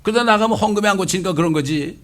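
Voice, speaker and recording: Man, middle-aged pastor, conversational sermon, lively, rhetorical questions, slightly high voice. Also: racing. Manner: lively, asks rhetorical questions, acts out quotes.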